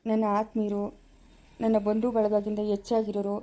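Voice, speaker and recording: A woman's voice: mid-range voice, monotone, moderate pace, dark tone, lightly acted. A woman playing a kind, patient village man of forty-five who soothes and reasons with others in a family drama. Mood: soothing. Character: kind 45-year-old village man, calm peacemaker.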